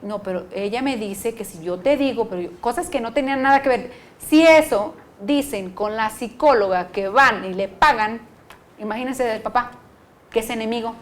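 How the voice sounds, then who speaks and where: A woman's voice: fairly high pitch, moderate pace. A woman psychologist lecturing an audience, acting out what parents and children say. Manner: lively, acts out quoted parents and children.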